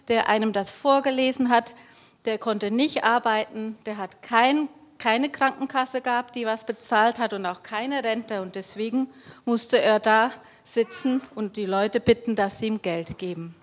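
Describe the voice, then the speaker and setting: A woman tells a Bible story to children and points out the pictures as she goes. Her voice is a little high and lively. She pauses to ask the kids questions. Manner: lively, explaining, asks the audience questions.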